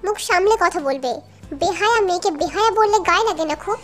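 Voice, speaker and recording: Sneer and threaten as a spiteful rival, a woman doing the voice, soft music behind. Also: extremely high pitch, lively intonation, quick pace. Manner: insulting and threatening. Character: spiteful jealous young woman, haughty rival.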